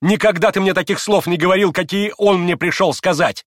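A man voicing a proud, wild young woman who speaks in impassioned, shrill outbursts. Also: lively intonation, a little slow, dry recording, studio quality. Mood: frenzied.

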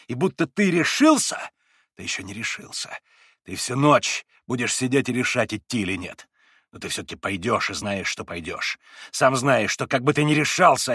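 A man voicing a feverish, tormented young man in an audiobook, husky and agitated, rising into anguished outbursts. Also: mid-range voice, fairly bright tone, no echo, clean studio sound. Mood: bitter. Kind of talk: audiobook character reading.

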